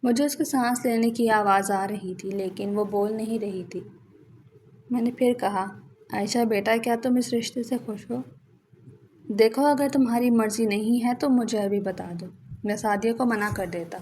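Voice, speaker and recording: A woman's voice: on the high side, fairly even intonation, darkish tone, slight background noise, lightly acted. A woman voicing a worried, loving older brother in a storybook reading who speaks in a tender, pleading way.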